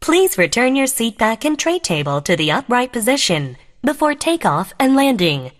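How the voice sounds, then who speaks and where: A woman playing a flight attendant reads a scripted in-flight safety announcement, formal and measured. Her pitch sits fairly high, with a sing-song lilt.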